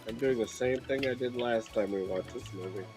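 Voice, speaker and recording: A man's voice: mid-range voice, a little fast. A man co-hosting a live riff stream, bantering and teasing in casual chat, with music behind. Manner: teasing, laughing.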